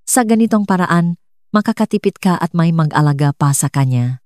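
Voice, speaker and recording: A scheming, penny-pinching mother coaxes her son in a spoken drama story, voiced by a woman. She sounds low and mellow, recorded close with a dry sound. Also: lively intonation, moderate pace, no echo, natural voice. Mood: coaxing. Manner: coaxing, scolding.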